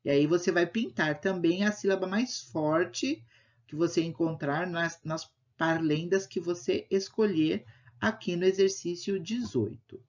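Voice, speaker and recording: Woman, primary teacher, slow patient lesson delivery, muffled home recording. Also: lowish voice.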